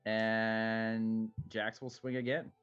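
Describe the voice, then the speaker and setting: A man narrating his character's moves in a tabletop role-playing game, informal and halting. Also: fairly low pitch, little pitch movement, fairly bright tone, clean tone. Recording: dull lo-fi mic, music behind.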